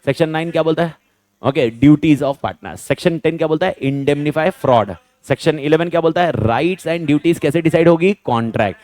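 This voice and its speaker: Brisk man drilling students with questions. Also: fairly high pitch, a little mellow, no echo. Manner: rapid question-and-answer drilling, repeats key points. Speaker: teacher. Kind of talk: exam revision lecture.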